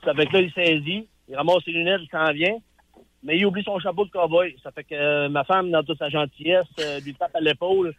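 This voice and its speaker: A man's voice: fairly high pitch, fairly even intonation, fairly quick. A man with a Quebec French accent calling in to a radio show and telling a story casually. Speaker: caller. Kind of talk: phone-in anecdote. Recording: dull phone line.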